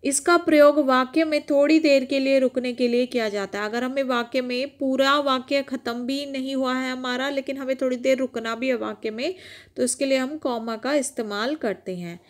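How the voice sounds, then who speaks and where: A young woman teaching a children's lesson, explaining patiently, asking questions and repeating points slowly. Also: sits high.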